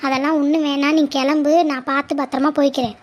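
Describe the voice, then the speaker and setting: A woman voicing an anxious young woman who talks in a worried, hushed way. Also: sits high, little pitch movement, quick pace, voice pushed down, close to an everyday voice.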